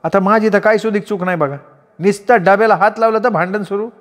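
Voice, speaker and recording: A man voicing a gentle, cautious young wife who speaks in a soft, pleading tone. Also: high voice, a little fast, long reverb tail, pitched above the performer's own voice, close to an everyday voice. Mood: earnest.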